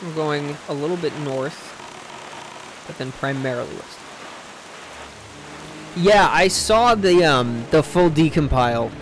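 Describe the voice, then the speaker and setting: A man's voice: a little high, animated, takes it slowly, long pauses, noisy background. Rambling young man streaming a game. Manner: rambling, swears casually. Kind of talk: casual gameplay chat. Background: game music.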